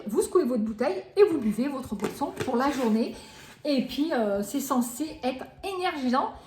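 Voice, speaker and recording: Cooking vlog host, woman, forties: chatty and self-mocking, a high animated voice, roomy echo from the kitchen. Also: slight background noise. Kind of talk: casual cooking vlog chat. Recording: echoey room.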